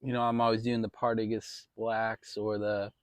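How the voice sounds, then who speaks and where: A man's voice: fairly low pitch, flat delivery, moderate pace, clear, resonant tone. Casual American male vlogger, easygoing and rambling, salty now and then, talking from the backyard with a dry, echo-free sound. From Maryland, United States. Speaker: vlog host. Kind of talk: casual outdoor backyard chat to viewers. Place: outdoors in a shaded backyard.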